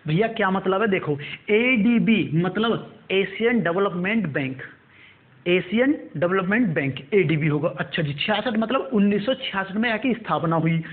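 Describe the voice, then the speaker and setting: A male coaching teacher, dictating current affairs notes and repeating each term slowly. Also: high-pitched. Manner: repetitive, drills terms slowly for note-taking. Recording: tinny phone-like audio.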